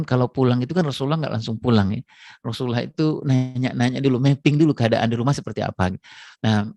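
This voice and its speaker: A man giving a relaxed, chatty parenting talk with a religious flavor. He talks directly to his listeners and keeps circling back with tag phrases. His voice is mellow and gravelly, recorded in a dry, close setting. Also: medium pitch, no room sound. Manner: casual, chatty, many fillers and repeated tag phrases; addresses audience directly. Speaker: parenting speaker.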